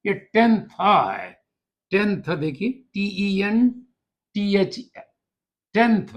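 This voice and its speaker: A male math teacher with a noticeably high voice walks through each step of a problem. He talks slowly and patiently, spelling terms out letter by letter as he goes. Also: sing-song, dull audio. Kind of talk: classroom lesson explanation.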